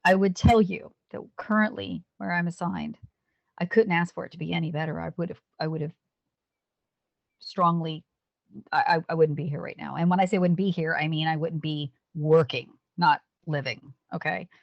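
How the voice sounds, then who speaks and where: In a frank interview, a U.S. police officer and Navy veteran in her 50s talks earnestly, frequently starting over. Her voice is low, creaky and steady at normal speed, captured on a lo-fi recording without room sound.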